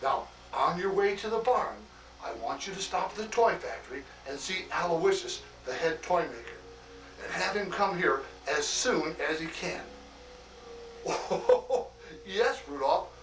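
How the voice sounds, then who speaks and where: A man playing a hearty, fatherly old Santa Claus in an acted greeting monologue, chuckling often and talking in a slow, homely way full of "oh" and "why". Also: high-pitched, a bit bright, reverberant, recorded from a distance, full character voice, poor audio.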